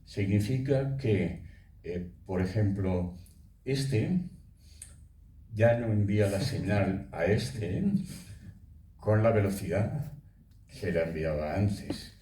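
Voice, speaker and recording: A man in his eighties, a voice actor telling stories at a festival talk in a relaxed way. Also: lowish voice, takes it slowly, pauses often, slight background noise. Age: 80s. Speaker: voice actor guest. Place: festival hall. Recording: echoey hall, speaker far from mic.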